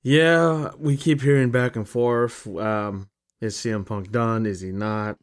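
A man's voice: medium pitch, steady tone, a little slow, clear, resonant tone. A man chatting casually as co-host of a wrestling podcast.

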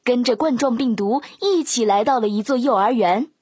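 A woman's voice: on the high side, normal speed, warm tone, husky. A woman narrating a children's story in a sing-song, coaxing way.

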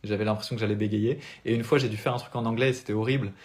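A man's voice: on the low side, fairly even intonation, rapid-fire, a little mellow. A young French man with a French accent, a spiritual life coach giving an earnest, motivational talk on a live stream without notes.

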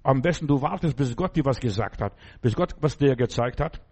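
A man's voice: medium pitch, animated, a little fast, husky. A middle-aged man preaching a sermon, exhorting the listener directly and acting out quoted commands with raised voice. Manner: acts out quoted commands loudly.

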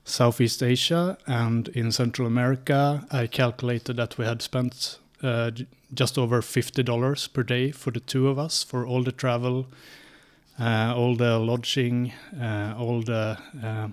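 A Swedish man in his thirties, a guest on an interview podcast, telling his story in a steady, methodical way with frequent pauses. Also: mid-range voice. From Sweden. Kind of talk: casual interview answers.

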